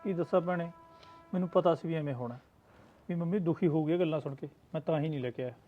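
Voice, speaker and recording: Calm Punjabi brother, quick talk, dull-sounding recording, played by a man. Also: a little high, soft background music, natural voice. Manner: calm, consoling. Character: young brother visiting his married sister. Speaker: wife's brother. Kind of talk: acted family drama.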